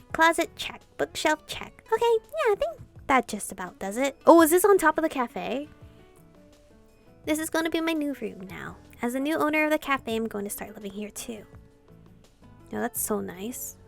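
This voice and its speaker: A woman gives casual, expressive gameplay commentary, reading visual novel dialogue aloud and tossing in sweary asides. Her voice is high-pitched and creaky, with game music in the background.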